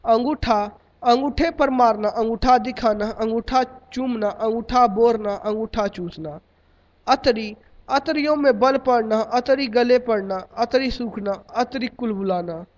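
A man reading out a long list of idioms in a steady, list-like cadence, like a lesson. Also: extremely high pitch, measured pace. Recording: dull lo-fi recording.

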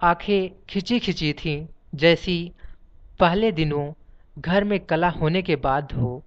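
Audiobook narrator, measured literary reading, mid pitch, muffled lo-fi recording. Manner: steady, measured reading that includes page numbers aloud. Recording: dull lo-fi recording.

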